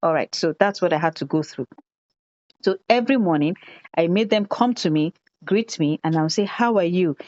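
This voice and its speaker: A woman leading a teacher training on a video call, telling classroom stories in an animated way and repeating phrases for emphasis. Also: lowish voice, moderate pace, no room sound. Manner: animated storytelling, acts out children's voices, repeats phrases for emphasis. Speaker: education consultant leading an online teacher training. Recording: dull, dry video-call audio.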